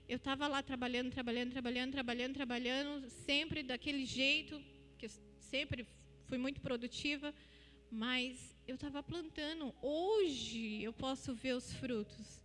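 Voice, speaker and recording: A woman's voice: on the high side, a bit bright. A woman from Brazil giving an earnest, emotional spoken testimony in a church, retelling her story with repeated phrases. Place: church hall. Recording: long hall reverb with faint music.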